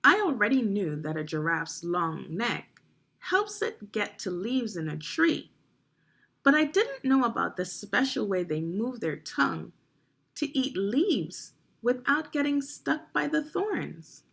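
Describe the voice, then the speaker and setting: Reading a children's nonfiction book to young listeners, this female reading teacher speaks slowly at a medium pitch with big swings up and down. Her voice is creaky, a bit bright, and slightly rough, and she teaches by posing guiding questions as she narrates.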